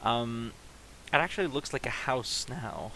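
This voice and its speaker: A man narrating a tabletop role-playing game as game master, in a halting, unhurried way. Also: mid-range voice, sharp tone, a little hiss or hum, poor audio. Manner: slow, halting narration with pauses.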